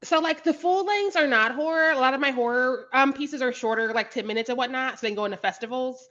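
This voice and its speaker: Bright-voiced, laughing woman podcast guest. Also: sits high, fast talker, lo-fi sound. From Kansas City, Missouri, US. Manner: laughs often, animated storytelling. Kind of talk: casual podcast chat.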